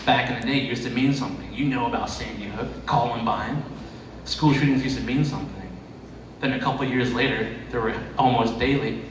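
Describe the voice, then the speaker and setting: A man's voice: medium pitch, a little fast, highs cut off. A man performing a stand-up comedy set in a conversational, profane way. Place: echoey room with live audience. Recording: echoey noisy room, distant mic.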